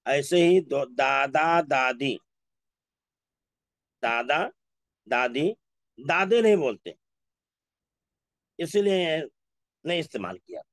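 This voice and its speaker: Man, Urdu teacher, slow deliberate pace, slightly high voice, dry close sound. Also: expressive, a bit bright, dry recording. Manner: slow, repeats word lists aloud. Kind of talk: classroom lesson.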